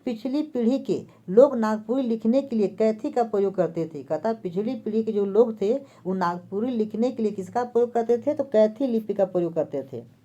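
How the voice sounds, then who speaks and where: A woman's voice: on the high side, normal speed, mellow. A woman teacher giving an exam-prep lesson. She asks a question, then answers it herself and repeats the key terms. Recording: dull lo-fi recording.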